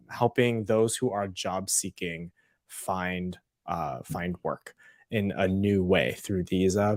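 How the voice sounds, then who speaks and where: A man co-hosting a casual live podcast, chatty and relaxed with lots of fillers. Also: lowish voice, no room sound, studio quality. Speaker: podcast co-host.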